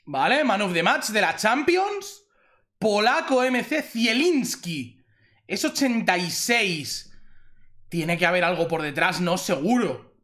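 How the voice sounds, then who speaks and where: A young man from Spain with a Spanish accent and a high-pitched voice commentates a pack opening. He is excitable, repeats himself, and exclaims loudly whenever something good turns up. He talks close to a desk mic. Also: takes it slowly. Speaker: gaming youtuber.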